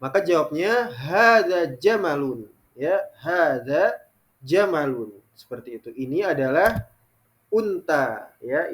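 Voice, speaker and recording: A man teaching an online Arabic lesson, reading example sentences slowly and often adding "ya" between phrases. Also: a little high. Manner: frequent filler "ya" between phrases.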